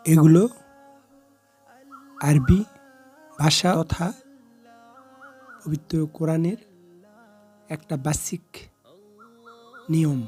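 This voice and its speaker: A man teaching a recorded recitation lesson, explaining rules deliberately and repeating words slowly as drills. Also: a little high, dark tone, breathy edge.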